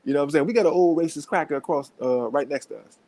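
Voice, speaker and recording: A man's voice: fairly high pitch, very fast, mellow, dry recording, low-quality recording. A man telling a story to camera at home, casually and profanely, often laughing and talking straight to his viewers. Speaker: vlogger. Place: at home with his young son.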